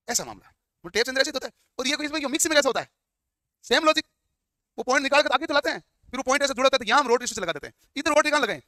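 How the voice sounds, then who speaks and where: A high-voiced man lectures at a quick clip. His tone is bright and forceful as he quizzes the class and answers his own questions. The sound is dry and close. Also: no room sound. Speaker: teacher.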